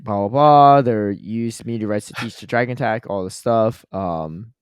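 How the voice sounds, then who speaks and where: A man's voice: fairly low pitch, moderate pace, clear, resonant tone, dry recording, clean studio sound. A man co-hosting a podcast in casual chat, upbeat and talkative, giving long explanations. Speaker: podcast co-host.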